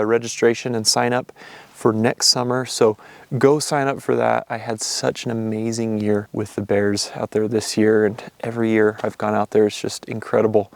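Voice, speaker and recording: A man's voice: medium pitch, creaky, no echo. A young man hosting a casual outdoor wildlife vlog, talking in an enthusiastic, easygoing way with plenty of fillers. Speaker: wildlife photographer and channel host. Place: outdoors in mountain forest.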